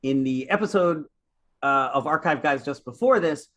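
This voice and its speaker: A man's voice: fairly high pitch, moderate pace, a bit bright. A man hosting a podcast, chatting casually and enthusiastically and steering the talk to the next topic. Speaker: podcast host. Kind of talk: casual chat.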